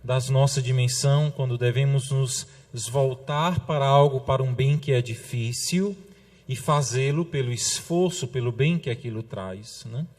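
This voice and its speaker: A man with a Brazilian Portuguese accent, a priest giving a sermon, talking conversationally with the congregation and slowing down to stress key phrases. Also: mid-range voice. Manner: conversational preaching with frequent tag questions to the congregation; slows for emphasis on quotations, drops softly at phrase ends.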